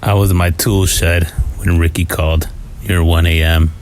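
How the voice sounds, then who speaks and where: Low, haunting man narrating horror. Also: flat delivery, moderate pace, a little mellow. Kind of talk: scripted first-person scary story narration. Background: music.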